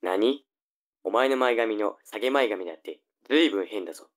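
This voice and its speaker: A man's voice: lowish voice, normal speed, close to an everyday voice. A man playing a nagging, flippant young older brother in a tongue-twister audio drama. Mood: needling.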